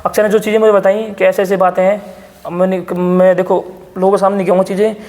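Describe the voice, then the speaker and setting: A man in an interview telling his side of events in a rapid, insistent storytelling way. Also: high-pitched, flat delivery, a little mellow, big-room sound. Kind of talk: defensive interview account.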